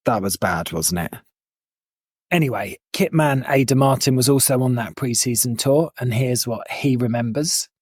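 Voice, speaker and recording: Husky-voiced man hosting a podcast. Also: medium pitch, moderate pace, darkish tone, dry recording, studio quality. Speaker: podcast co-host. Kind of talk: scripted podcast narration.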